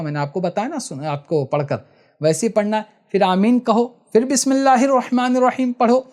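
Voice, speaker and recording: A man teaching how to perform a prayer, step by step and patiently, often checking that listeners follow and chanting the recitations slowly. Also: high voice, a little mellow. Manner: slow, drawn-out chanting in recitations. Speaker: prayer instructor. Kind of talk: step-by-step religious tutorial.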